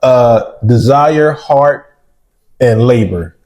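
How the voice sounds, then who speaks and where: An American real estate developer in his forties, a guest in a casual interview, tells stories in a warm, low-key, relaxed way. He speaks very slowly and often drops in "right?" asides.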